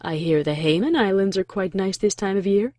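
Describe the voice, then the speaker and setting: A woman's voice: medium pitch, a little fast, darkish tone, dry recording, clean studio sound, natural voice. A woman playing a regal, benevolent older pony princess who speaks nonchalantly and slyly in a fan fiction audio drama. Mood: breezy. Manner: nonchalant, casual, composed.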